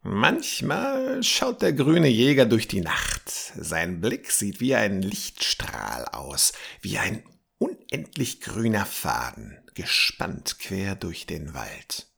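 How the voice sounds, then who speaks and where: A man's voice: lowish voice, big pitch swings, vocal fry, a bit bright, breathy edge, full character voice. Man doing a grumbling old bearded storyteller. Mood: grave warning. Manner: slow, grave warnings, sometimes dropping to a whisper.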